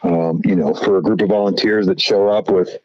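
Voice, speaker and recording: A man's voice: sits low, fairly even intonation, fairly quick, no echo. A man guesting on a podcast, telling stories casually, rambling with lots of "you know" and "right?". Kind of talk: casual conversational storytelling. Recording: slightly dull lo-fi audio.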